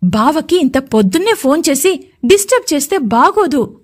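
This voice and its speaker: A woman voicing a patient older brother who speaks calmly and tries to placate his sister. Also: sits high, moderate pace. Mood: placating. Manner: calm, placating.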